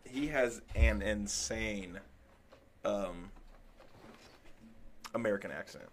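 A man's voice: fairly low pitch, slow, a little hiss or hum. A man co-hosting a podcast, talking bluntly and with a lot of swearing in casual chat. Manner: blunt, profane, laughs easily. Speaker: podcast co-host.

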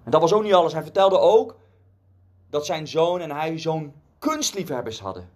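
A man's voice: on the high side, sing-song, normal speed, darkish tone. A man giving a conversational devotional sermon, telling a story earnestly with casual asides.

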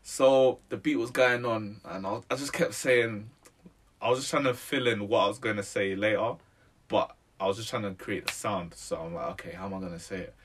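With a lowish, husky voice and a moderate pace, this man in his twenties talks like a London roadman. He's a musician chatting casually in an interview, using street slang and tacking "innit" and "bro" onto his sentences.

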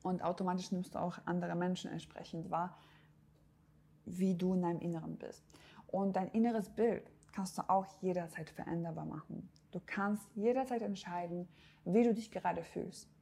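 Woman, podcast host, motivational talk, gravelly voice, direct coaching manner. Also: fairly low pitch, fairly even intonation, moderate pace, mellow. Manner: direct, coaching, addresses the listener as du; frequent hesitation fillers. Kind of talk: motivational self-help talk.

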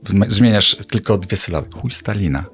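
A middle-aged man co-hosting a casual chat, animated and laughing often. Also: normal speed, faint music behind. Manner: animated storyteller, laughs often, jumps up in pitch when excited. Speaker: podcast co-host.

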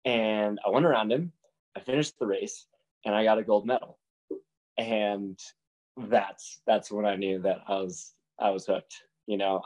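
Mellow-voiced young man telling his story. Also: on the low side, rough recording. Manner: casual, animated retelling with voiced quotes. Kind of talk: personal storytelling talk.

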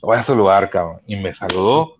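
A man, telling concert stories as a podcast guest in a casual, profane, animated way. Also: sits low, fairly quick, breathy edge, dull audio. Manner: profane, animated, many restarts. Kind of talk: casual storytelling chat. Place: Chula Vista hospital.

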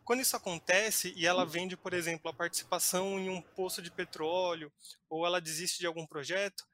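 Bright high-voiced male market analyst. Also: fairly even intonation, brisk. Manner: explanatory, with frequent fillers and restarts. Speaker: investment analyst. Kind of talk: live market commentary.

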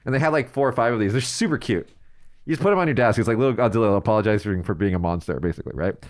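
A man's voice: fairly low pitch, animated, rapid-fire. A hungover man co-hosting a casual talk show, telling stories in a rambling, jokey way and searching for his words. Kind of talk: casual chat, storytelling.

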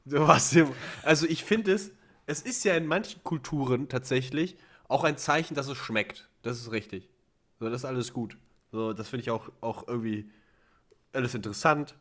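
A man chatting casually as a podcast co-host, weighing his words and pausing to find them. His voice sits at an ordinary middle pitch for a man. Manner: thoughtful, searching for words, laughs often. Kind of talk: casual chat.

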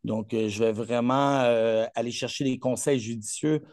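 A man's voice: mid-range voice, steady tone, moderate pace, a little mellow, no echo, studio quality. A man with a Québécois accent, a coach chatting in an interview, boastful and rambling with many fillers. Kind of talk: casual interview chat.

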